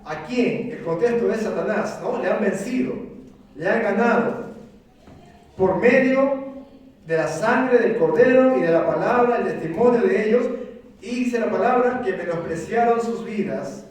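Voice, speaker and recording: A man preaches a sermon in a church sanctuary, speaking fervently and putting questions to his congregation. His voice is high with a darkish tone and a little slow, recorded by a distant mic in a very echoey church.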